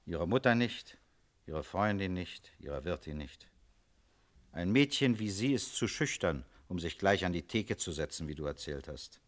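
In a German radio crime drama, an actor plays a shrewd, commanding police inspector who questions people tersely and with authority. His male voice sits low, expressive and unhurried, with a calm, knowing mood.

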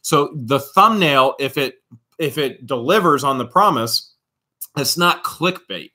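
Bright-voiced man explaining with emphatic gestures. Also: medium pitch, animated, a little slow. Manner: emphatic, explaining, mimics other people's reactions, gestures a lot. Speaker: co-host of a live Q&A show. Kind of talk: live-stream Q&A chat. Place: small home studio room.

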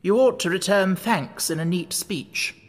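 A reader voicing a bossy, imperious queen from a storybook, speaking slowly and solemnly with decided authority. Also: mid-range voice, long reverb tail, natural voice. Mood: commanding.

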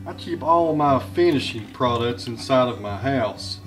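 Talking unhurriedly over soft background music, a woodworker and channel host in his thirties chats about his day and his craft. He has an ordinary mid-pitched voice and a relaxed, plain way of speaking, addressing a handheld camera outdoors in the woods and later in a small workshop.

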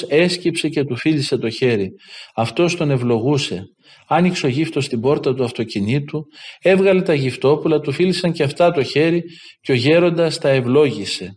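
Greek Orthodox priest telling stories. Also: male voice, mid-range voice, darkish tone. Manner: retells anecdotes, lifting his voice for quoted lines. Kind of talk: sermon with storytelling.

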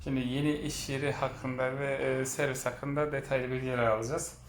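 A man hosts a casual vlog tour through a car repair workshop, his delivery fairly level and even. He speaks chattily, pausing on frequent hesitation fillers as he goes, with a faint noise under his voice. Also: medium pitch. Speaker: host touring a car repair shop.

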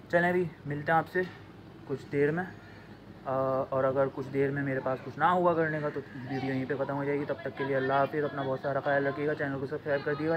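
Young male vlogger, slow and halting, slightly high voice, noisy outdoor phone recording. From Pakistan. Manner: slow, drawn-out talk that stumbles over words. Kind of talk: casual vlog talk to camera. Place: outdoors on a home rooftop.

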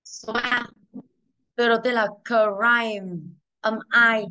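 A woman's voice: fairly high pitch, flat delivery, takes it slowly, sharp tone, smooth. A woman teaching English to a class, quizzing pupils and drilling pronunciation. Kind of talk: classroom lesson.

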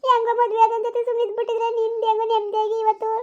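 A woman's voice: extremely high pitch, little pitch movement, fast, darkish tone, lo-fi sound. A woman playing a tearful, heavily pregnant young village wife in a skit, speaking in a thin, plaintive voice. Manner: sobbing self-blame, pleading.

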